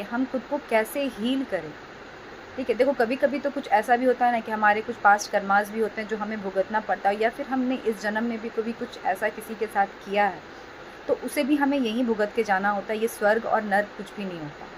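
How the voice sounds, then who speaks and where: A woman hosting a self-help video, giving gentle casual advice to her viewers and checking in often with them. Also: on the high side, a little hiss or hum, poor audio. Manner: gentle, repeats "ठीक है" often. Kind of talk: casual advice talk to camera.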